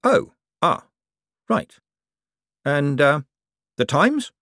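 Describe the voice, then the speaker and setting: A man voicing a glib young con man who talks wryly and hedges his words, a bit higher than his usual voice. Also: very animated, extremely slow, sharp tone, no echo, clean studio sound, full character voice. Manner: hesitant, wry and evasive.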